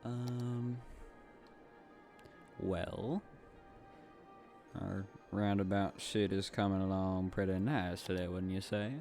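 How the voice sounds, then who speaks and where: A man's voice: low voice, flat delivery, slow, long pauses, darkish tone. A young man from the southeastern United States with a light Southern accent, chatting casually and rambling over his gameplay. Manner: rambling, chatty, with frequent fillers and asides. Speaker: gaming YouTuber. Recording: faint music in the background.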